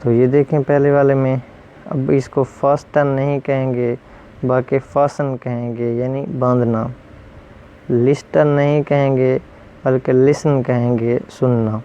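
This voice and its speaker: A man teaching English pronunciation, repeating each rule and word slowly and then giving its meaning. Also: medium pitch, little pitch movement, highs cut off. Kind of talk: explaining pronunciation rules.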